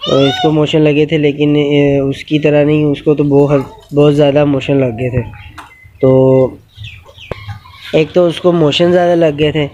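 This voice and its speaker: A man talks through goat care outdoors in a casual vlog, unhurried and full of pauses. His voice is mellow and dark, with a fairly high pitch and an almost flat, level tone. The phone audio is dull and lo-fi, with faint outdoor ambience behind him. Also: a little hiss or hum. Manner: unhurried, explanatory, with many pauses and fillers. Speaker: goat keeper and channel host. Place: outdoors in a yard with animals.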